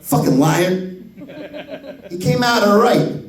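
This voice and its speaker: A man's voice: high-pitched, slow pace, distant mic. A man in his fifties telling profane stand-up comedy stories, acting out other people's voices. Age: 50s. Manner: profane, animated, acts out voices. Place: comedy club stage. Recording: roomy echo, voice from the mic.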